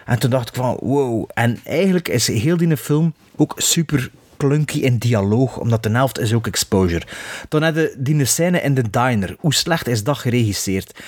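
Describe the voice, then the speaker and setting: A Flemish man co-hosting a film podcast, sharply critical and emphatic, often breaking off and starting his sentences over. His voice sits at an ordinary pitch for a man. The recording is dry, with no room sound around him. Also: animated, normal speed, darkish tone, no echo. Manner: critical, emphatic, many restarts. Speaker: podcast co-host. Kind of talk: casual film discussion.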